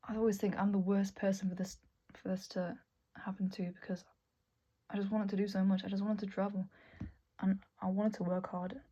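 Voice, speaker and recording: A young woman talking candidly to camera at her desk, soft and halting, often dropping to a whisper. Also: medium pitch, level tone, dull audio. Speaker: vlogger. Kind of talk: candid personal talk to camera. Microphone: earbud mic.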